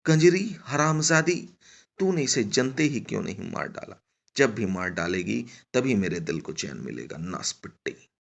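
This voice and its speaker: A furious nomad woman hurls curses in a loud, raised voice, as a male storyteller puts her on, her shouts pushed higher than his gravelly low natural tone. The sound is dull and lo-fi, like a muffled home recording. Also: very animated, normal speed, heavily acted. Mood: cursing. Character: furious foul-mouthed grieving nomad woman.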